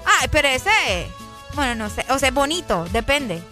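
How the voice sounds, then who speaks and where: High bright-voiced woman co-host. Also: expressive, normal speed, soft background music. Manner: giggly, playful, trying out accents. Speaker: radio co-host. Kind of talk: casual chat.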